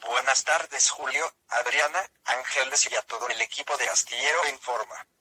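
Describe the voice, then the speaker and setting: A male synthesized text-to-speech voice like an old speech synthesizer, reading a scripted opinion segment in a robotic, measured way. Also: mid-range voice, steady tone, pushed and bright. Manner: robotic, evenly measured delivery. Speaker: opinion columnist.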